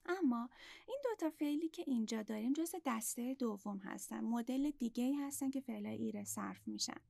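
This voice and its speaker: A woman teaching a language lesson, explaining patiently step by step and repeating words slowly. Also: fairly high pitch, vocal fry, mellow, no echo.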